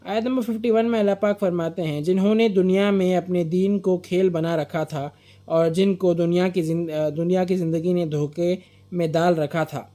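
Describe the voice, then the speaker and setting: Male reader of scripture translation, fairly high voice, quick and informal, restarts and explains. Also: steady tone, warm tone. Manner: quick reading with restarts and filler sounds.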